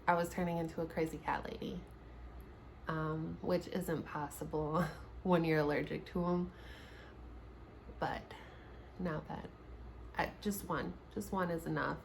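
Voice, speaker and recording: Sitting at home in front of a camera mic, a woman in her late twenties with a gravelly, lowish voice chats in a get-to-know-me vlog for her YouTube channel. She laughs often and restarts her sentences, with slight background noise.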